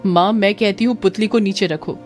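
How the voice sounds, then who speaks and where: A defiant young woman who firmly stands up to her mother, voiced by a woman storyteller. She speaks firmly and insistently. Soft music plays faintly behind her. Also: mid-range voice, steady tone, normal speed, natural voice. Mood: firm, pleading. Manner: firm, insistent. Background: faint background music.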